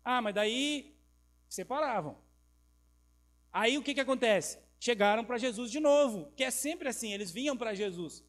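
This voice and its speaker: A middle-aged man with a Southern Brazilian accent, preaching a sermon as pastor, telling stories and swinging from loud emphasis to quiet, intimate remarks. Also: extremely high pitch, lively intonation, moderate pace. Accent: Southern Brazilian Portuguese. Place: church. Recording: mains hum in background.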